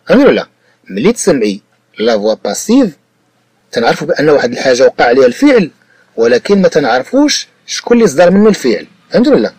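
This is a patient French tutoring session led by a man with a Moroccan Arabic accent, who repeats points and confirms his student understands. His voice is fairly high, darkish and husky, with no room sound.

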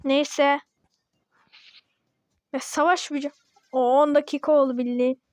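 A woman casually commenting on her own gameplay, chatty and excitable, grumbling and yawning as she plays. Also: high voice, measured pace, no room sound, clean studio sound. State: yawning, sleepy. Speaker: gaming video host.

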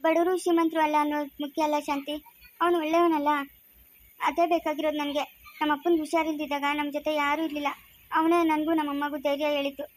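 A woman's voice: sits high, little pitch movement, quick pace, dry recording, natural voice. A young woman playing a lovesick student who talks in a pleading, emotional way in a family skit. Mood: worried. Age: young adult. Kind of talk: amateur family skit acting.

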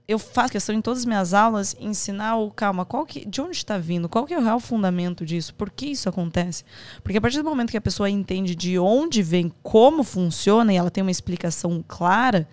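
A woman with a Brazilian accent, speaking as a podcast guest about her courses and acting out the advice she quotes. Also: mid-range voice. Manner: animated, acts out quoted advice. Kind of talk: conversational interview.

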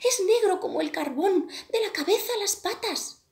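A woman voicing a small gossiping finch in a storybook, loud and exclaiming. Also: extremely high pitch, lively intonation, normal speed, pitched above the performer's own voice. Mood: scornful. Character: shrill gossiping little finch. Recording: echoey room.

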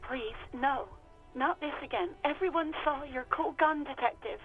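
A woman's voice: high voice, moderate pace, music in the background. An actress playing an anxious, exasperated young woman in a video game, speaking hesitantly and resignedly through a radio receiver. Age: young adult. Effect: radio receiver filter. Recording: narrow tinny radio line.

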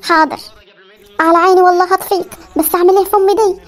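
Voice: extremely high pitch, fairly even intonation, rapid-fire, fairly bright tone. An actor voicing a cheeky, lazy young village daughter in a comedy cartoon, whining and talking back, with an Upper Egyptian accent. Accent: Upper Egyptian Arabic. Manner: whiny, talks back, stalls.

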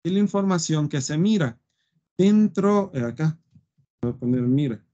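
A male web design teacher talks through his code, pausing on hums and asking his class "¿sí?" as he goes. His voice is mellow and dark. It comes through a dull, lo-fi computer mic recording. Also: on the high side, expressive. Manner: thinks aloud with fillers and frequent "¿sí?" checks. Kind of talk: live coding lesson.

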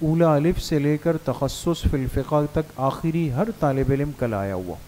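A man's voice: mellow, a little hiss or hum. A man, a mufti giving a jovial sermon to madrasa students in a mosque. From Pakistan. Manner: jovial, asks students to raise hands, then leads recitations in a low murmur. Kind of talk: sermon and guided supplication.

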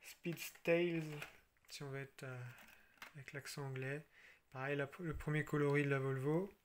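A man from France casually showing his toy car collection, chatty and relaxed, with frequent fillers and restarts. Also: mid-range voice, normal speed, slight background noise. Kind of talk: casual show-and-tell.

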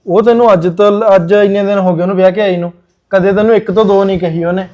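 A man as a fast-talking pleading young son. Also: high voice, fairly even intonation, darkish tone, muffled recording, lightly acted. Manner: pleading, placating. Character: young married son, caught between mother and wife. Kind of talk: Punjabi short film drama.

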